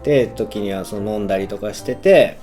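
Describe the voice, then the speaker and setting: A man's voice: lowish voice, a little fast, mellow. A young man chatting casually as he tells a story, often chuckling, with music playing behind him. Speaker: husband and father co-hosting a couple's chat. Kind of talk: casual chat, telling a story from their dating days. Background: background music.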